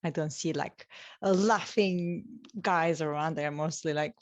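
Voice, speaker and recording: A woman co-hosting a podcast in casual chat, asking questions and chiming in with quick agreement. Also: deep voice, darkish tone, dry recording. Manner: asks questions, quick agreeing backchannels and laughs. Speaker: podcast co-host.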